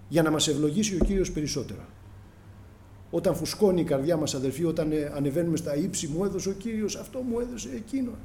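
A man's voice: high voice, warm tone. A middle-aged man preaching a sermon, calling the congregation brothers and acting out prayers and dialogue with passion.

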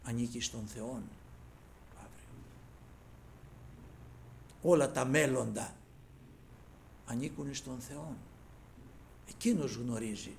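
A man preaching a sermon, addressing listeners as brothers and retelling scripture in lofty old phrasing, swinging from loud cries to hushed asides. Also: mid-range voice, creaky, pauses often, a little hiss or hum.

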